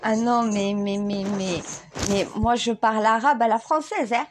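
A woman from France talks casually to her viewers, rambling from one thought to the next and stumbling over restarts. Her voice sits a little high, and she breaks into laughter often. A faint hiss of background noise runs under the recording. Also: fairly even intonation, a little slow. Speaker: self-styled spiritual vlogger.

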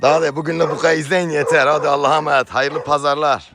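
A man, filming a casual vlog outdoors, calling and scolding animals in a high sing-song voice. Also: little pitch movement, fast, fairly bright tone, a little hiss or hum. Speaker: vlogger with dogs.

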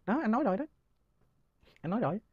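Fast-ranting man. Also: high-pitched, big pitch swings, slightly rough, no room sound, dull audio. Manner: rapid, scornful ranting with frequent laughs. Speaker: host answering listener questions. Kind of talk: heated opinion monologue.

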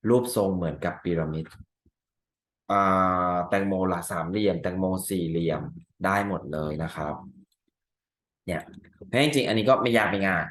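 A male teacher walking through exam answers step by step, asking rhetorical questions and reading example sentences slowly. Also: deep voice, expressive, reverberant. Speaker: English teacher. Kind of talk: exam answer walkthrough lesson.

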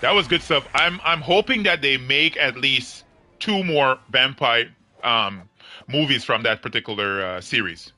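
A man's voice: medium pitch, a little slow, sharp tone. A young man chatting casually with viewers on his game livestream, joking and laughing often in slangy talk.

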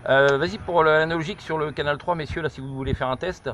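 On a high viewpoint overlooking countryside, a middle-aged ham radio operator tries out a handset with casual radio calls full of repetition and hesitation. His voice sits a little high, with a quick pace and fairly even intonation. The sound comes from a camera just behind his shoulder: a noisy outdoor phone recording with clicks.

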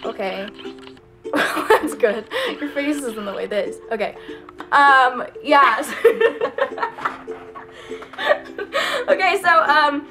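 A woman's voice: high-pitched, lively intonation, drawn-out words, long pauses, over music. A young adult woman chatting casually as a vlog host, giggly and grossed out as she eats gross jelly beans. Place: small room at home, indoors. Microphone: camera a short distance in front.

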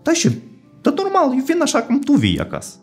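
A man's voice: medium pitch, sing-song, darkish tone, soft background music, natural voice. A man voicing a nagging, reproachful middle-aged wife who scolds her husband in a raised voice. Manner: scolding, accusing tone.

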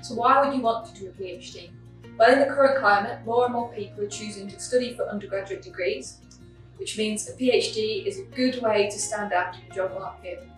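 Standing in an indoor chemistry lab, a young PhD student from the Czech Republic reads a prepared explanation of her research to camera in a medium-pitched voice. Her manner is measured and sincere, broken by the odd um. A distant camera mic picks up the room's echo and background music.

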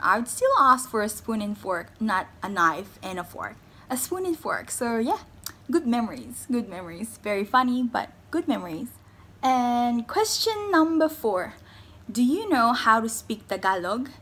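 A young woman from the Philippines talks straight to her viewers in a casual vlog. Her voice sits a little high, and she bubbles with excitement, tumbling through fillers and quick asides. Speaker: vlogger.

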